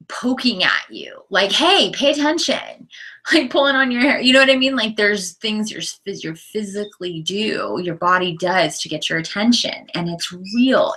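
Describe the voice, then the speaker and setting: Bright-voiced woman giving a tarot reading. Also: mid-range voice, poor audio. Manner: earnest, emotional, breaks into soft laughs; often drops to a whisper. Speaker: tarot reader. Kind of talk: live tarot reading stream.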